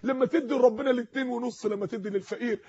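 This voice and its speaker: High-voiced Egyptian man preaching passionately. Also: steady tone, very fast, warm tone, husky, dry recording, highs cut off. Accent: Egyptian Arabic. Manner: impassioned, pleading, repeats phrases for emphasis. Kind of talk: sermon. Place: studio.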